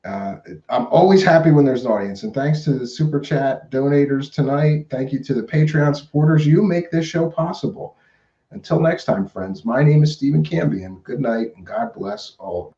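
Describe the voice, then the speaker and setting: Male host, medium pitch, chatty and colloquial, live stream, echoey room, slightly dull audio. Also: moderate pace, dark tone. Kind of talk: casual live talk show hosting.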